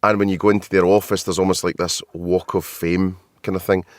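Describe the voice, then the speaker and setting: A man's voice: sits low, level tone, brisk, no echo, studio quality. A man with a Scottish accent hosting a marketing podcast, chatty and self-deprecating, laughing often. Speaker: podcast host. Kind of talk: casual podcast chat. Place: hotel.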